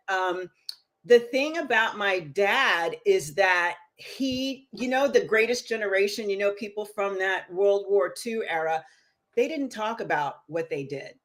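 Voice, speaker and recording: A middle-aged woman, a guest on an interview show, telling stories with a lively voice that rises as she gets excited. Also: medium pitch. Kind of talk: storytelling interview.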